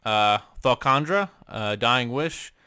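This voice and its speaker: Young male vlogger, bright and crisp, rambly casual delivery, dry close sound. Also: medium pitch, lively intonation, slow, no room sound. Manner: rambling, many ums and uhs, casual swearing. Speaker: music vlogger. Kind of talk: casual album ranking chat. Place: home room.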